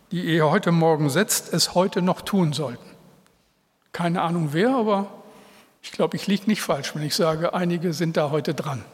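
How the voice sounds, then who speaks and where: A middle-aged male pastor preaching an earnest, heartfelt sermon to his congregation, with pauses between phrases. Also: sits high. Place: church hall. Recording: reverberant church hall. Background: long reverb.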